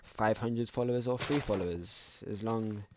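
A young man with a lowish voice rambles and mutters as he plays, trailing off into half-finished asides. His homemade recording carries a clear hiss and faint clicking in the background. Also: normal speed. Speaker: gaming channel host. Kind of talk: casual let's play commentary.

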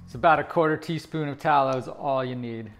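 A man's voice: medium pitch, fairly quick, soft background music. A man in his thirties hosting a home cooking demonstration, explaining each step to the camera in an upbeat way, recorded in a kitchen. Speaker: cooking video host.

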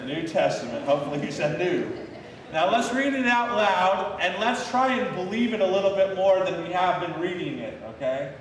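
Male pastor, high voice, call-and-response preaching, recorded from a distance in a reverberant church hall. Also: lively intonation, normal speed. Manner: leads the congregation in call-and-response, repeating a memory verse. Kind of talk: sermon. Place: church sanctuary.

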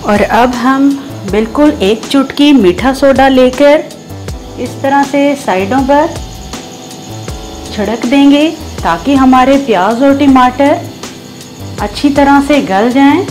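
Speaking slowly with long pauses, a woman with a Pakistani Urdu accent guides viewers through a recipe on her cooking show, patient and keen on the dish. Her pitch is high and a little mellow. Faint music plays under the voice-over.

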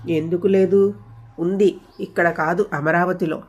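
A woman voicing a gentle, joking middle-aged father who teases his daughters in a storybook reading. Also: lowish voice, fairly even intonation, unhurried, breathy edge. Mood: teasing. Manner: teasing, dry humor.

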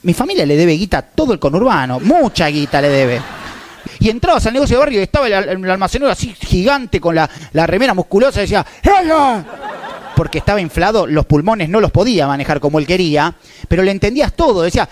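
Man, Rioplatense Argentine accent, high lively voice, stand-up storytelling, acts out characters. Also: quick pace, slight background noise. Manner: animated, acts out neighborhood characters; crude street slang. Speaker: stand-up comedian.

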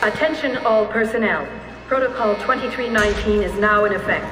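A woman voicing a calm facility announcement over a loudspeaker, formal and measured, from a video game. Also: medium pitch, reverberant, loud music behind the voice.

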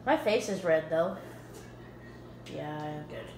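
A woman's voice: low voice, lively intonation, unhurried. A young woman chatting casually while her mouth burns from spicy food. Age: young adult. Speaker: challenge participant. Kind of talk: casual chat during an eating challenge. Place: indoor room at a table. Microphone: camera on table, about a meter away. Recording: echoey room, noisy with clinking dishes.

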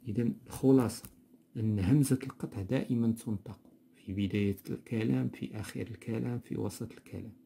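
A man with a Moroccan accent teaching a grammar lesson from a textbook, explaining slowly and repeating words. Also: on the low side, steady tone, vocal fry, warm tone, breathy edge. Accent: Moroccan Arabic. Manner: explanatory, repeats words slowly, mixes dialect with standard Arabic.

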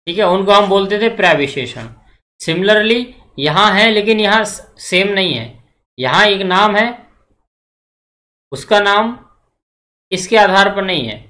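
In a lively, high voice with a bright, pushed quality, a male Hindi grammar teacher works through exam-prep material at a measured pace, pausing often. He keeps repeating points, asks the class questions before answering them himself, and frequently checks that everyone is following.

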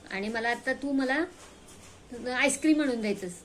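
A woman's voice: sits high, moderate pace, fairly bright tone, a little hiss or hum, rough recording. A woman voicing a boastful, bossy male tooth demon in a children's story. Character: mischievous male tooth demon living in a boy's mouth.

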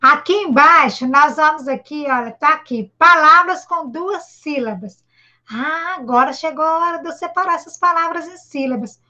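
A Brazilian woman with a high, bright voice gives a patient reading lesson to a young child. She encourages him gently and sounds out each syllable slowly. The sound is dull and lo-fi, as on a video call. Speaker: primary school teacher. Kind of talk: online literacy lesson for a child.

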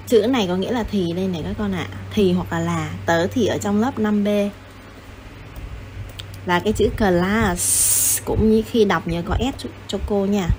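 A woman teaching English to children, patient and coaxing, repeating and spelling words out slowly. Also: mid-range voice, darkish tone, a little hiss or hum. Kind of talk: explaining a lesson.

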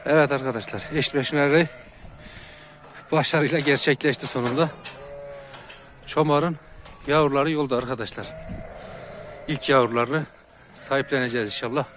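A man's voice: moderate pace, long pauses, a little hiss or hum. A man presenting his own dog vlog, talking to viewers while tending his dogs outdoors. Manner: coos at dogs in a high, loud voice, calm and lower when explaining. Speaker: dog breeder vlogger. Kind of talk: casual vlog narration to viewers.

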